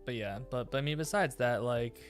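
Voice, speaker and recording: A man's voice: medium pitch, brisk, faint music behind. A man chatting casually on a live stream, rambling with many fillers and restarts.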